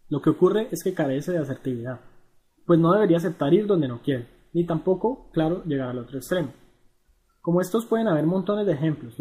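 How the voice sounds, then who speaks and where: A man reading a scripted educational narration in an even, measured way. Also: fairly high pitch.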